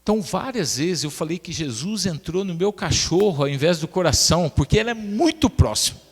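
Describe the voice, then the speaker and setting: In a church sanctuary with a big-room sound, a male pastor preaches and tells funny personal stories, calling his congregation "brothers." His voice is high and breathy-edged, and he talks a little fast as a lively storyteller.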